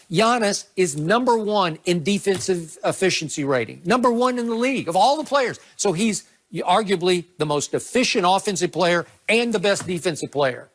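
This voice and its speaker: A man's voice: high-pitched, a bit bright. A man co-hosting a sports debate show, arguing his points emphatically. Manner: argumentative, emphatic.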